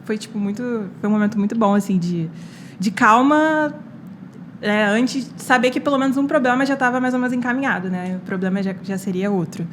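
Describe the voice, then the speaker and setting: A woman's voice: medium pitch, a little hiss or hum. A young Brazilian woman, a medical student guest, telling a personal story on a casual podcast with many quoted lines and fillers. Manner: animated retelling with quoted dialogue and many fillers.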